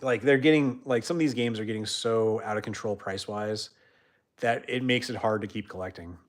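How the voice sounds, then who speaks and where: A young man hosting a casual livestream chat, rambling with many fillers and trailing off quietly at the ends of sentences. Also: fairly low pitch, a little fast. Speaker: host.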